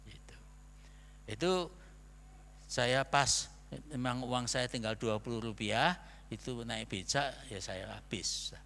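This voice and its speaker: A man's voice: mid-range voice, takes it slowly, long pauses, bright, forceful tone, a little hiss or hum. An older man with a Javanese accent, a pastor telling a story in a chatty, rambling sermon that keeps trailing off on fillers. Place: church hall. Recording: long church hall reverb.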